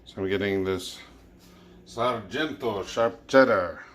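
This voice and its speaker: A man's voice: lowish voice, slow, fairly bright tone, slight background noise. A tipsy man hosting a casual home cooking video, loose and chuckling as he talks viewers through the dish. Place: home kitchen.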